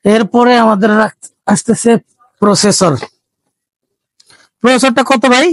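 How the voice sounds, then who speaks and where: A man's voice: very high voice, measured pace, dry recording. A man casually walking through the parts of a gaming PC build, chatty and explaining as he goes, mixing in English tech terms. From Bangladesh. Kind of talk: casual hardware walkthrough.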